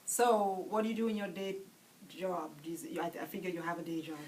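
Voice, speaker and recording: Interviewer: woman, lowish voice, curious and friendly, short questions, set back from the mic with faint room noise. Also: brisk, a little mellow, recorded from a distance, poor audio. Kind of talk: casual interview.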